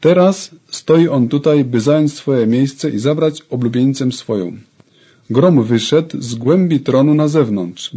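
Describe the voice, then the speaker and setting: A man's voice: mid-range voice, dark tone, breathy edge. A man preaching a sermon, fervently addressing his congregation.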